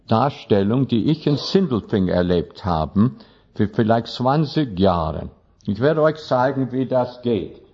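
A male pastor telling a story in a sermon, speaking halting German with slips and restarts. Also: medium pitch, husky. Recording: dull lo-fi recording.

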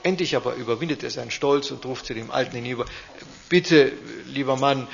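Gravelly man reading a fairy tale. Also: medium pitch, very fast. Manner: lively, expressive reading. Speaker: storyteller. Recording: dull lo-fi recording.

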